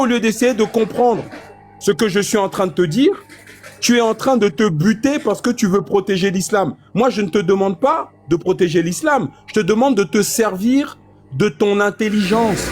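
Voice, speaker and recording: A man's voice: high-pitched, darkish tone. A man lecturing insistently in a heated public debate, repeating his points. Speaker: debate speaker.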